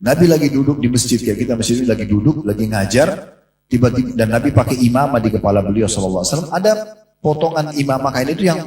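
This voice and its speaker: A man's voice: mid-range voice, a little mellow. A man preaching a sermon in a mosque, telling a story and acting out the voices in it. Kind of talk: sermon to a congregation. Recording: echoey room from a distance.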